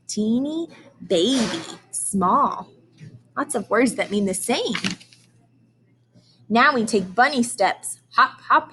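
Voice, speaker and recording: A woman teacher of the early grades guides young children through a read-aloud, stopping to ask questions and sound out key words carefully. She speaks on the high side with a bit of brightness, and there's a little hiss or hum in the recording.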